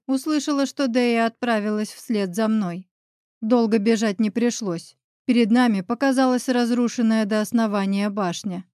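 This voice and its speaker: Expressive woman reading a fantasy story. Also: a little high, dry recording, clean studio sound. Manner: expressive, acts out the heroine's outbursts. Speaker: audiobook narrator. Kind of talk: first-person narration of a fantasy novel.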